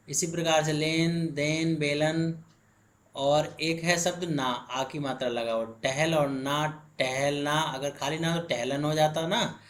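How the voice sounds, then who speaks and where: A man teaching grammar, explaining slowly word by word and checking in often with the class. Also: a little high, a bit bright. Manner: slow, drawn-out word-by-word explaining, frequent "ठीक है" check-ins. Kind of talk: blackboard lesson.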